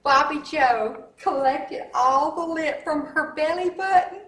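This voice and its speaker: A woman's voice: sits high, a little slow, fairly bright tone, reverberant, distant mic. An actress playing a boastful, doting country pageant mother with a folksy way of talking.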